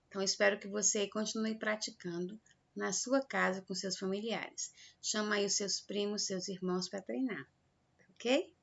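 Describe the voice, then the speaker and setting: A Brazilian woman teacher talks slowly and patiently to young pupils, drawing out each example word. Her voice has a gravelly edge. The recording sounds dull and lo-fi. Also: medium pitch. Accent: Brazilian Portuguese. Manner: slow, patient and encouraging, stretching out example words. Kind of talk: classroom lesson for children.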